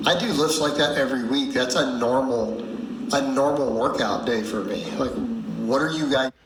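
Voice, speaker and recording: This is a man in his forties with a mid-pitched voice, lecturing in a blunt, dismissive way. The recording is echoey, and clear noise runs steadily underneath. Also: moderate pace. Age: 40s. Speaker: strength coach. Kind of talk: lecturing video monologue. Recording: echoey room with background noise.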